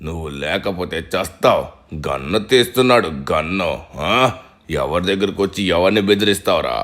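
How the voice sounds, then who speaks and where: A hot-headed guard barks orders and threats in a game role-play dub, as a man acts him out. His voice sits low with a bright, forceful edge. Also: lively intonation, fairly quick. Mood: menacing. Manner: threatening, bossy. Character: menacing male guard, hot-headed thug.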